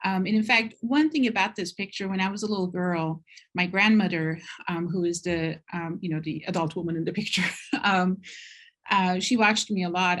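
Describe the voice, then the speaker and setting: A middle-aged woman from Turkey walks an audience through her slides in a lowish voice. She talks at an unhurried pace and fills her pauses with soft ums as she reflects. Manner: unhurried, thoughtful, frequent ums. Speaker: presenter at a university talk. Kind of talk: slide presentation talk.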